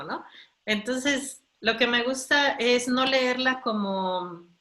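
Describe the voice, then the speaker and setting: Woman guest, chatty, even middle pitch, lots of fillers. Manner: chatty, frequent fillers and laughs. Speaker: interview guest. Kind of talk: casual faith conversation.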